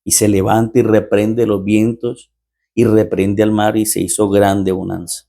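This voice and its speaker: Gravelly-voiced pastor telling a story. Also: male voice, lowish voice, flat delivery, unhurried, dark tone. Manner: repetitive rhetorical phrasing, acts out dialogue. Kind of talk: storytelling sermon.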